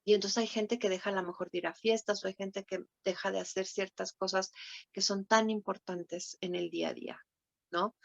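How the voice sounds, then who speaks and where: A woman lecturer with a Mexican accent teaches at a conference, ending her points with little checking questions. The sound is dull and lo-fi, in a dry room with no echo. Her pitch sits in a middle range. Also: fairly even intonation, moderate pace, vocal fry. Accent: Mexican Spanish. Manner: warm teaching tone with frequent tag questions. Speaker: thanatology lecturer. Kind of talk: conference talk.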